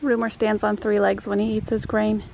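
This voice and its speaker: A woman's voice: medium pitch, level tone, normal speed, creaky, darkish tone, slight background noise. A woman giving a chatty, explanatory barn tour on a handheld camera, laughing often as she walks through a horse barn and paddock. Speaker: vlogger. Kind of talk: casual barn tour narration.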